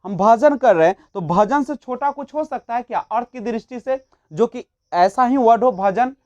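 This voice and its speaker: A woman's voice: fairly high pitch, animated, moderate pace, a little mellow, no room sound, lo-fi sound. A woman teaching a child-development lesson for a teaching exam, asking questions and answering them herself, mixing English terms into her speech. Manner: mixes English terms into Hindi. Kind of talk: exam-prep lecture.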